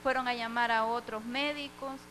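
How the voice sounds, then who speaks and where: High-voiced woman giving church testimony. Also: steady tone, normal speed, bright, forceful tone, a little hiss or hum, low-quality recording. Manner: heartfelt storytelling, acting out the dialogue.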